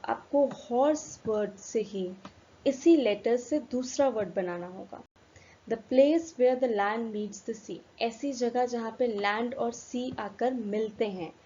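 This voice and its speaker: A woman teaching an English lesson, switching between Hindi and English and spelling words letter by letter, slowing down for English definitions. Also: on the high side, a little mellow. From India. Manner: slows right down for English definitions. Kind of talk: recorded classroom lesson. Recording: dull lo-fi recording with faint room noise.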